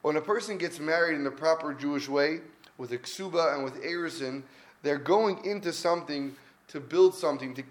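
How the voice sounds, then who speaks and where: A man giving an earnest weekly Torah talk, telling stories in a conversational way and stressing his points by repeating them. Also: on the high side. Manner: earnest, conversational, with emphatic repetition. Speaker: Torah teacher.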